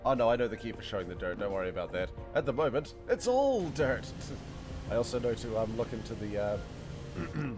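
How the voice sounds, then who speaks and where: Over game music, a streamer chats casually with his viewers, rambling, laughing often, and talking to chat. His voice is medium-pitched with lively intonation, and he speaks a little fast.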